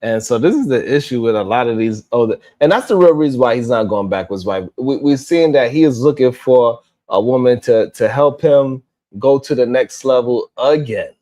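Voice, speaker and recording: Animated man in his forties ranting. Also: medium pitch, normal speed. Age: 40s. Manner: animated, exasperated, swears when stuck. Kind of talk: casual panel commentary.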